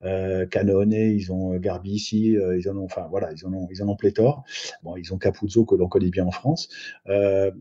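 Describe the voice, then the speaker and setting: A man's voice: deep voice, steady tone, normal speed, mellow, breathy edge. A middle-aged man as a podcast guest, giving thoughtful rugby analysis with many hesitations and restarts. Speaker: guest sports agent. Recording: muffled lo-fi recording.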